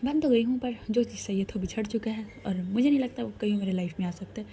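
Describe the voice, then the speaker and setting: A woman voicing a calm, reserved young woman officer in a storybook tale. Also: medium pitch, fast talker, a little hiss or hum, lightly acted.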